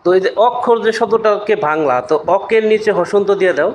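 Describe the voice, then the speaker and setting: A man's voice: high-pitched, fast, reverberant, a little hiss or hum, low-quality recording. A man teaching an exam-prep lesson in a chatty way, repeating points and often checking in with his students. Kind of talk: casual video lesson.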